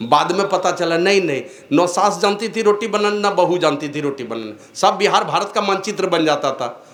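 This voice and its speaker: An older man, a spiritual teacher, gives a devotional discourse, swinging between raised exhortation and low, slow asides. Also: fairly bright tone, reverberant.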